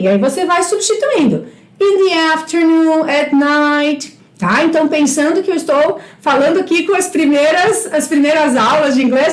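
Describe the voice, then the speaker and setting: A Brazilian woman teaching English in a live-streamed lesson. She talks in an encouraging way and repeats English phrases slowly for the class. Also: sits high, echoey room. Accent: Brazilian Portuguese.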